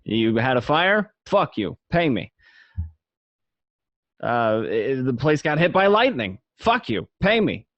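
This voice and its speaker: In a radio play, a man with a medium-pitched voice narrates as a cynical, streetwise gangster, his pitch swinging widely as he takes his time. He sounds matter-of-fact and cynical, captured in a muffled, dry home recording without echo.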